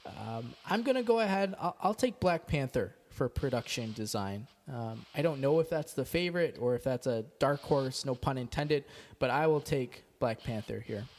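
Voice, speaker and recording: A man guesting on a podcast in casual chat, relaxed and teasing, reading out lists of picks. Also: medium pitch, moderate pace, hardly any pauses. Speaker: podcast guest, co-host of another podcast.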